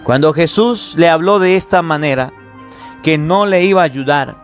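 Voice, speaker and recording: A man's voice: on the high side, normal speed, faint music behind. A man, a priest giving a sermon, repeating key phrases with emphasis and speaking straight to his listeners. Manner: repetitive, emphatic preaching that addresses listeners directly.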